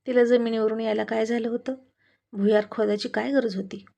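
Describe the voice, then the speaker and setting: Woman voicing a sharp-tongued scolding wife. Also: on the high side, level tone, fairly quick, creaky. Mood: mocking. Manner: scolding, sarcastic retorts.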